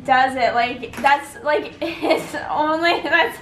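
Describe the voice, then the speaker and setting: A woman's voice: high voice, slow pace, roomy sound, noisy background. A young woman teasing a friend in a vlog, giggling as she talks.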